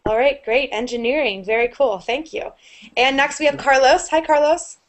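A young woman teaching an online English class over a video call with earbuds, explaining clearly and upbeat. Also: sits high, moderate pace. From United States. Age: young adult. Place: small room indoors. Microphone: earbud headset on a video call.

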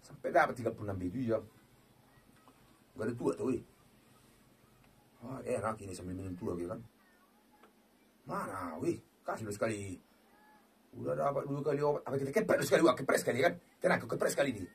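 A man calls his slot game play as he goes, hot-tempered and loud, cursing at the reels between low mutters. His voice is very husky and rough, and his pitch leaps up and down all over the place. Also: lively intonation, fast, long pauses. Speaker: online slot game streamer. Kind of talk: excited live gameplay commentary.

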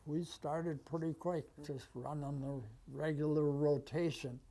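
An American man in his nineties with an aged voice, recounting memories conversationally and haltingly, with long pauses. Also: a little high, fairly even intonation, mellow. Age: 90s. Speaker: war veteran being interviewed. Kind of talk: conversational reminiscence. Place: small office, indoors. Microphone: lapel mic.

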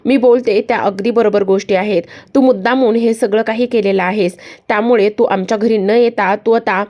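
A woman's voice: mid-range voice, steady tone, normal speed, lo-fi sound, natural voice. A woman voicing an angry young woman who hurls accusing questions at a rival, in a TV-serial recap. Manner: accusing, sharp rhetorical questions. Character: jealous, furious young woman lashing out.

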